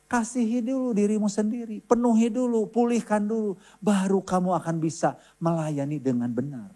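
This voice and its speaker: A man's voice: fairly high pitch, a little mellow. A middle-aged man, a preacher and counselor, giving an earnest church sermon, stressing each point and often adding a questioning "ya". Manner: earnest, emphatic, repeats points, often adds "ya".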